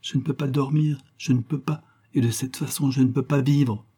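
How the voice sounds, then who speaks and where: A man's voice: mid-range voice, fairly even intonation, moderate pace, dark tone, breathy edge, voice pushed up, lightly acted. A man voicing an anxious, devoted six-year-old girl in an audiobook, with a pleading, plaintive manner. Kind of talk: audiobook character voice.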